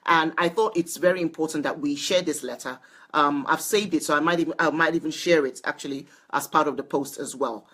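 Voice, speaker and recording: A woman's voice: low voice, brisk, a bit bright, breathy edge. A woman hosting a parenting live stream, chatting casually, greeting viewers by name and often restarting her sentences. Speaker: host of a parenting livestream. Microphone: phone or laptop mic for a live stream.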